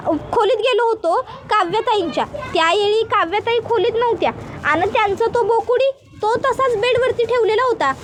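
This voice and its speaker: A woman's voice: extremely high pitch, slight background noise, voice pushed up. A woman voicing an earnest village maid who speaks in rural Marathi dialect, pleading and apologetic.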